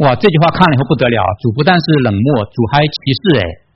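A man's voice: medium pitch, lively intonation, quick pace, slightly rough, lo-fi sound. A man preaching a Bible study in a conversational way, reading scripture aloud and asking his listeners questions. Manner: conversational, many tag questions and fillers.

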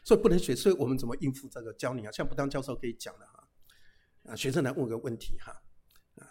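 A middle-aged man, a pastor, giving a humorous sermon, telling lively anecdotes peppered with casual tag particles and English phrases. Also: medium pitch, fast talker, slightly rough. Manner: lively storytelling with frequent "哈" tags and English phrases.

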